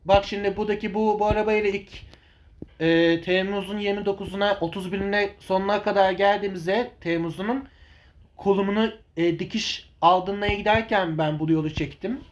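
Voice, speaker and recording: A man giving informal vlog commentary on his videos in a rambling, repetitive, halting way. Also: high voice, steady tone. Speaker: video channel host.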